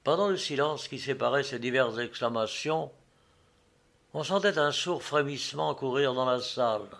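A man narrating a classic novel as an audiobook, in a measured, expressive storytelling manner. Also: medium pitch, creaky.

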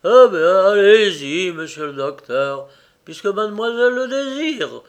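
A man's voice: high-pitched, animated, a little slow, pitched above the performer's own voice. A man voicing a young, wounded Paris street lad who protests and pleads before an operation. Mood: resigned.

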